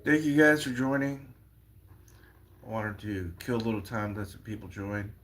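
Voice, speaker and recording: A man hosting a casual livestream, talking in an excitable, rambling way with many fillers. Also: lowish voice, moderate pace, soft background music. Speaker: livestream host. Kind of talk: casual livestream chat about prophecy.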